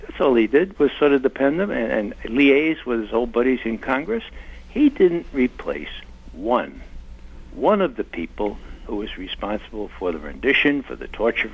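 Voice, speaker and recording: An older man speaking emphatically as an interview guest. His gravelly, husky voice swings widely in pitch. The recording sounds muffled and lo-fi. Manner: impassioned, emphatic. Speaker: interview guest, former intelligence analyst. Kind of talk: conversational interview.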